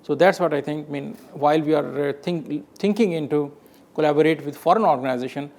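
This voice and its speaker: A man's voice: fairly high pitch, fairly quick, a little mellow. A man, the head of an institute, answering interview questions earnestly and repeating words as he thinks.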